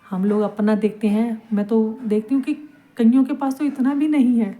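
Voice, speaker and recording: Soft-spoken woman, mellow devotional talk. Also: on the high side, fairly even intonation, moderate pace. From Punjab, India. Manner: soft, tender, confiding, addresses the idol directly. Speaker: devotional vlogger. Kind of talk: casual devotional talk to her deity idol.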